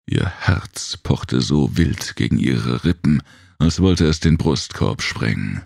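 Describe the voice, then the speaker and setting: Male audiobook narrator, extremely deep, dry close sound. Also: animated, gravelly, a little mellow, no room sound. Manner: measured storytelling.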